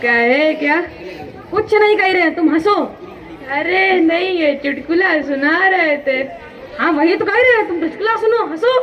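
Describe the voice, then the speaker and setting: A woman's voice: extremely high pitch, expressive, normal speed, soft background music, a faint crowd. A female student acting a teasing, argumentative courtroom helper in a school comedy skit. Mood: cheeky. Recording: dull stage recording, faint audience.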